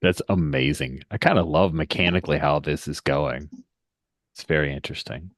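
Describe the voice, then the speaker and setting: A man's voice: extremely low pitch, normal speed, no echo, clean studio sound. A man talking casually as game master of a tabletop game.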